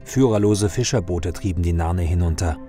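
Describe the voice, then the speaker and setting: Low-voiced man narrating a fantasy tale. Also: normal speed, over loud music. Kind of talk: scripted fantasy storytelling.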